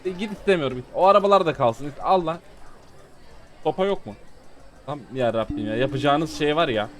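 A man's voice: a little high, animated, a little fast. A man giving casual let's-play commentary, talking to his viewers and growing exasperated with the game. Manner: exasperated, chatty, talks to viewers. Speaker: gaming YouTuber.

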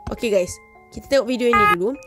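A woman's voice: fairly high pitch, quick pace. A young woman with a Malaysian accent, chatting casually as she reacts to scary videos and explains them to viewers. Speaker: reaction vlogger. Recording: music playing behind.

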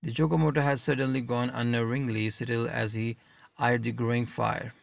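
Gravelly male audiobook narrator. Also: medium pitch, flat delivery, normal speed, a bit bright.

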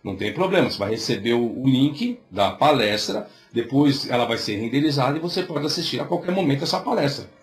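A man's voice: mid-range voice, animated, a little fast, few pauses. A middle-aged man from Brazil with a Brazilian Portuguese accent, a theology teacher who announces his upcoming online lecture. He fires off one rhetorical question after another, seated indoors and recorded on a webcam at desk distance. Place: small indoor room in front of a green screen, seated in an office chair.

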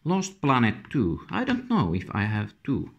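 A man with a Finnish accent speaks halting, non-native English in short, muttered remarks, as casual unscripted commentary on an unboxing. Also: medium pitch, huge pitch swings, gravelly, dull audio. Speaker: video game collector presenting an unboxing. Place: indoors at a wooden table. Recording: noisy room with handling clicks.

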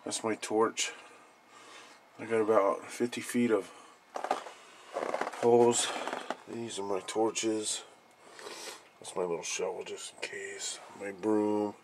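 Slow low-voiced man touring his trailer. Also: flat delivery. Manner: rambling, plain-spoken, lists his gear, swears when frustrated. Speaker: welder showing his trailer. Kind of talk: casual walkthrough vlog. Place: outdoors in a cold enclosed work trailer. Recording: noisy handheld camera audio.

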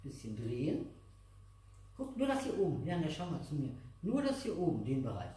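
A middle-aged aikido instructor with a slightly high, mellow voice, moderate pace and huge pitch swings teaches exercises to a child and viewers. He guides them step by step in simple, repeated phrases, patient and encouraging, in a large indoor dojo with mats. The distant camera mic leaves the sound echoey, far away in the hall.

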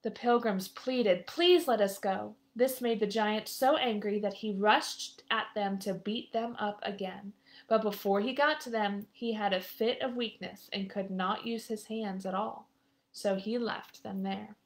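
A woman reads a children's story aloud in a live session, with a voice at an ordinary middle pitch. She often steps out of the story to chat with her young listeners and explain what is happening. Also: fairly even intonation, unhurried. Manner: chatty asides to young listeners.

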